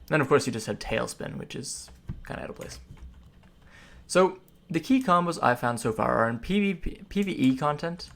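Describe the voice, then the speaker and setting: A man's voice: mid-range voice, gravelly. A man giving casual, explanatory gameplay commentary, rambling through ability names and tips as he plays. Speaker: gamer giving a character class guide. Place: indoors at a computer, voice over gameplay.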